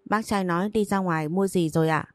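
A woman's voice: fairly low pitch, fairly quick, darkish tone, no room sound, faint music behind, lightly acted. A woman reading the lines of a playful, somewhat childish young woman, in a plain audiobook reading voice. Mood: playful, polite. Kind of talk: audiobook narration.

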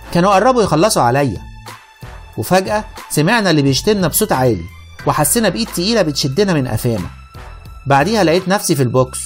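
A man with an Egyptian accent narrating a radio drama in the first person, with wry, lively storytelling. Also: a little high.

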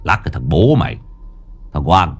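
A man voicing a gruff, blunt older man who swears and talks low in a ghost story. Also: very animated, moderate pace, heavily acted.

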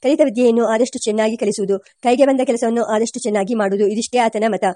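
A woman reading a memoir aloud as an audiobook narrator, steady, with occasional slips and self-corrections. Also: fairly high pitch, quick pace, dry recording, clean studio sound.

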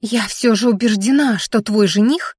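A woman's voice: fairly high pitch, normal speed, darkish tone, slightly rough, no echo, studio quality. Woman doing Anfisa, fussy little furry creature. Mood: indignant. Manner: scolding, fretful, doting pet names. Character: fussy weepy little furry hoofed female governess creature.

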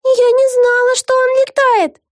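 A woman voicing a startled, frantic young witch who exclaims in a high, shrill voice. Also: a little slow, a little mellow, no echo, studio quality. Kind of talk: audiobook character voice.

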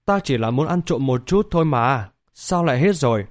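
A man's voice: medium pitch, expressive, normal speed, natural voice. Guy doing a sneaky cheeky young cultivator, grumbling to himself. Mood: dismayed. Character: mischievous young male cultivator, cowardly and cheeky.

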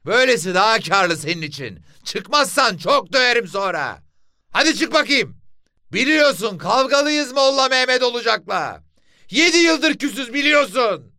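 A blustering village father with a very high, bright, piercing voice, as a storyteller puts him on, calling out in long drawn-out pleas and threats. The sound is dry and close, with no room around it. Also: very animated, dry recording, heavily acted. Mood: coaxing, threatening. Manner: pleading, blustering, drawn-out calls.

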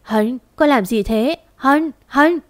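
A frightened older mother, timid and tearful, pleading in a shaky, quavering voice, as a woman storyteller puts her on. Her words sit a little higher than the narration, in a dry, close recording for an audio story. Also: lively intonation, normal speed, no echo, lightly acted. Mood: alarmed.

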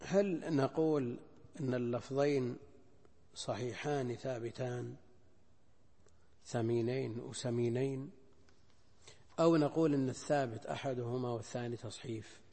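An older man, a scholar, explaining a hadith text in a lecture. He speaks deliberately, repeating phrases and weighing options aloud. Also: mid-range voice, mellow. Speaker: Islamic scholar teaching hadith. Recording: lecture hall with long reverb.

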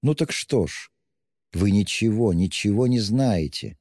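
A man's voice: lowish voice, lively intonation, unhurried, a little mellow, no echo, studio quality, in a large hall, voice pushed up. A man voicing a timid, pious young woman who pleads breathlessly in an audiobook reading. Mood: anguished pleading. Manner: pleading, breathless, wringing out words.

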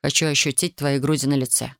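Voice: medium pitch, fairly even intonation, quick pace, creaky, no echo, studio quality, voice pushed down, close to an everyday voice. A narrator voicing a wounded young male soldier who speaks tersely and with exasperation, in an audiobook reading.

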